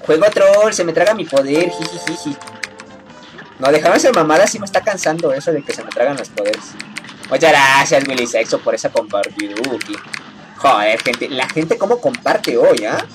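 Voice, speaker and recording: Lady gamer on stream, joking around with chat, lively swingy voice. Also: low voice, moderate pace, over music. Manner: playful and teasing, laughs often. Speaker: game streamer. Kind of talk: casual live-stream chat while gaming.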